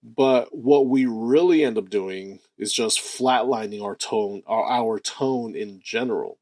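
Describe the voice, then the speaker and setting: A self-improvement channel host speaks in a deep male voice, delivering a spirited motivational talk where he hits key words hard and slows down to draw out phrases. The sound is dry and close-miked, without any room ambience.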